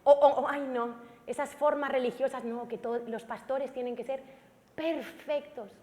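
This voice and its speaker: Woman, pastor, Peninsular Spanish accent, dramatic emphatic sermon, slightly high voice, long church reverb. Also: fairly even intonation, normal speed. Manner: dramatic, emphatic, shouts at peaks. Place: church sanctuary.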